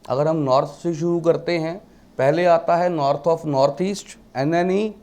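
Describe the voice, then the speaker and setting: In this classroom lecture, a man who teaches vastu talks slowly in a slightly high, somewhat mellow voice. He blends English terms into his Hindi and throws rhetorical questions at the class.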